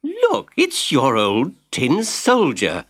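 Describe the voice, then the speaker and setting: A man's voice: on the high side, huge pitch swings, takes it slowly, a bit bright, pitched above the performer's own voice, full character voice. A man doing a kindly exclaiming mother. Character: kindly mother of a little boy. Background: background music.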